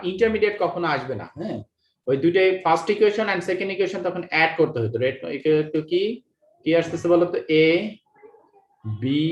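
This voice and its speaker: A man teaches a chemistry lesson, explaining each step and answering his own questions. His voice sits a little high for a man. The recording carries a noticeable echo off the room. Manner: reads English lines from the text slowly. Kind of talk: classroom lecture.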